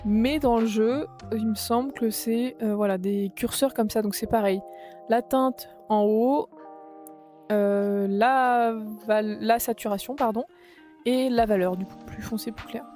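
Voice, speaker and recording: A woman's voice: on the high side, steady tone, unhurried, warm tone, faint music behind. A young woman chatting casually while playing a color game, full of fillers and self-corrections. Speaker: YouTuber.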